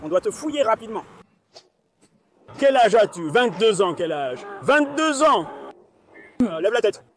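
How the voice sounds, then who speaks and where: A man voicing a police officer in dubbed bodycam dialogue, his voice on the high side. He reads out procedure in a steady, measured way. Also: a little hiss or hum. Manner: steady, procedural reading of rights.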